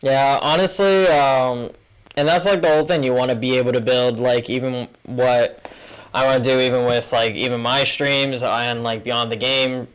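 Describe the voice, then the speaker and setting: Twenties male co-host, casual rambling delivery, clear voice, mid pitch. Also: steady tone, moderate pace, rough recording. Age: 20s. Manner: rambling, heavy use of filler words. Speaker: podcast co-host. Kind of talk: casual chat.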